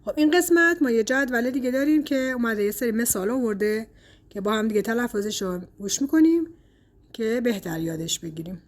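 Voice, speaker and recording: A woman from Iran teaching Chinese pronunciation in a casual lesson, pausing often with "uh" and stretching example words out slowly. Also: on the high side. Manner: explains slowly, with frequent "uh" fillers.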